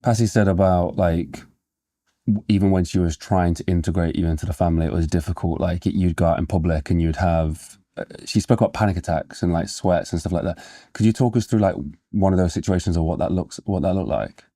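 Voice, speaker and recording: Male interviewer, very deep voice, warm dark tone, hesitant, dry sound. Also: steady tone, a little fast, dry recording. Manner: hesitant, searching for words. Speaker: interviewer, podcast host. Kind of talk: interview questions.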